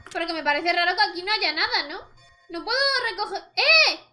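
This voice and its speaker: A woman's voice: very high voice, fast, bright, forceful tone, faint music behind. A young woman with a Spain Spanish accent gives chatty gameplay commentary, exclaiming at the screen and talking to her viewers. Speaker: let's play host.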